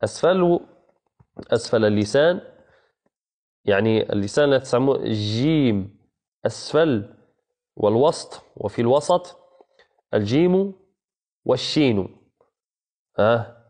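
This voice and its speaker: A man teaching a Quran recitation lesson, patiently repeating key phrases and chanting verses slowly. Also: mid-range voice, expressive, a little mellow. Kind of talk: online tajweed lesson.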